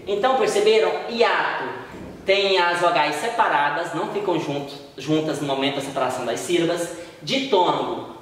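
Brazilian lady teacher, slow patient explaining, mic kinda far off, lots of room echo and long reverb. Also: deep voice. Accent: Brazilian Portuguese. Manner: patient explaining, drawing out example words. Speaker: primary school teacher. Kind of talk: recorded video lesson.

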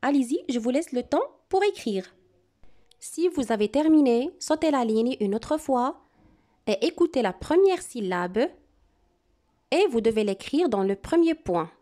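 A primary school teacher gives young pupils a French dictation lesson, her voice sitting high. She dictates slowly and deliberately, repeating each word and syllable clearly while giving calm, step-by-step instructions.

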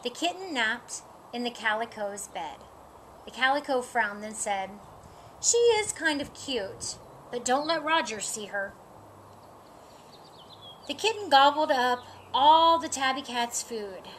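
A woman storyteller reads a picture book aloud in a sunny yard, slow and lively, lifting her voice for the animal lines. Her voice is a little high, with a touch of hiss or hum. A camera a few feet away records her.

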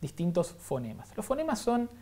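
Hombre rioplatense que explica con calma. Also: male voice, high-pitched, normal speed. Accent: Rioplatense Spanish. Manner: didactic, uses examples and rhetorical "¿no?". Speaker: scientist guest. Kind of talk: explanatory interview talk.

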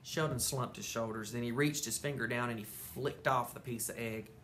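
Animated storyteller reading to a class. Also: mid-range voice, normal speed, slight background noise. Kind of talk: reading a children's book aloud. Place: elementary school.

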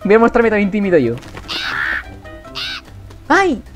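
A young man with a Spain Spanish accent, doing excitable game commentary and shouting at animals in the game. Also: high-pitched, normal speed, over music. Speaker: gaming youtuber.

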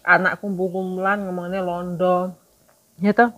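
A woman's voice: lowish voice, flat delivery, unhurried, fairly bright tone, slight background noise. A woman, chatting casually in a home cooking vlog, teasing and scolding someone to finish eating. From Suriname.

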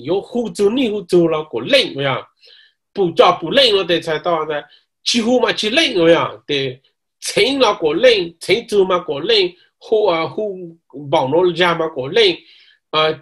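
A man's voice: fairly high pitch, a bit bright. A man teaching a course on ritual language, reciting verse lines, explaining them and often checking that listeners follow, with English words mixed in. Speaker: cultural course instructor.

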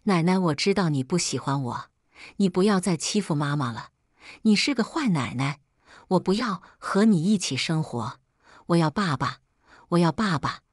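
A woman's voice: fairly low pitch, animated, moderate pace, no echo, studio quality. A woman voicing a spoiled, scheming six-year-old girl in a childlike, pleading way. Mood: crying.

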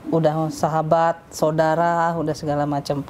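A woman guest in a casual interview, telling her life story in a lively way and acting out what others said. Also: low-pitched, moderate pace, slight background noise.

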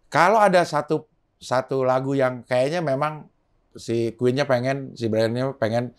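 A man at an ordinary middle pitch tells a story in an easy, slangy podcast chat. He is animated and keeps the talk loose and relaxed. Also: a little slow, clean tone. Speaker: podcast host. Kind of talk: casual chat.

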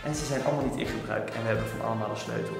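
A man's voice: fairly low pitch, racing, gravelly, music in the background. Young man whispering secretively. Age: 20s. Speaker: vlogger. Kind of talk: vlog aside to camera.

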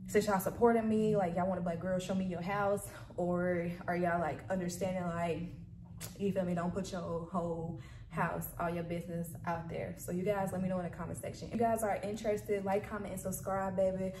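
A woman's voice: fairly low pitch, level tone, fairly quick, darkish tone, far from the mic. Young woman vlogger, upbeat and chatty, direct-to-camera talk, bare echoey bedroom, faint hum behind. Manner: chatty, upbeat, addresses viewers as y'all and baby. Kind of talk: casual chat to camera. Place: sparsely furnished carpeted bedroom, indoors. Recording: echoey empty room with faint ambient noise.

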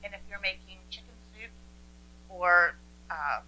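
A woman's voice: lowish voice, unhurried, sharp tone, rough recording. Chatty woman hosting a cooking show. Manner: chatty, explains tips while cooking. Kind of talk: casual cooking demonstration. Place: home kitchen, indoors.

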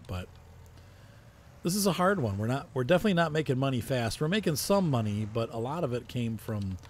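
A man's voice: fairly low pitch, darkish tone, a little hiss or hum. A man casually talking through a farming simulator playthrough, thinking aloud with frequent fillers. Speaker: gaming video host. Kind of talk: casual farming-sim commentary.

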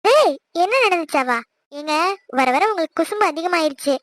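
A woman's voice: high-pitched, fast, fairly bright tone, no echo. A young woman voicing a playful, scolding young wife in a cartoon. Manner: chiding, teasing. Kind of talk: cartoon voice acting.

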